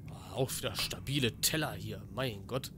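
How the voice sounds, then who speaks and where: A man's voice: lowish voice, moderate pace, background noise. A man giving casual let's play commentary, talking to himself, getting jumpy and swearing, sometimes reading in-game notes aloud.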